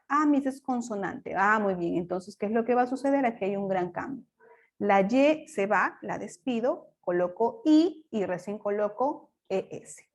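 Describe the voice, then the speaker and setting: A woman teacher, patiently explaining grammar rules step by step in a recorded lesson. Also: medium pitch. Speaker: English teacher.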